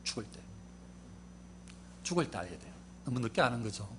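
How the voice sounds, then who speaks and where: A man preaching a sermon as pastor, swinging from loud emphatic peaks to low hushed asides in a husky voice. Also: very animated, brisk, noisy background.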